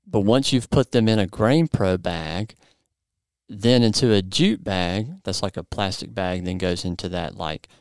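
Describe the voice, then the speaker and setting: A man's voice: low-pitched, animated, unhurried, a little mellow, clear, resonant tone, no echo, clean studio sound. A man in his forties hosting a podcast, explaining in an upbeat, playful way and interviewing a guest. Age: 40s. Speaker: podcast host.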